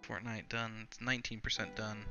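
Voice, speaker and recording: A man's voice: lowish voice, level tone, normal speed, highs cut off, over music. A man giving casual gameplay commentary as he plays, rambling and complaining with lots of "like". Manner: rambling, complaining, heavy use of "like". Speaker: gaming video host. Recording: loud background noise.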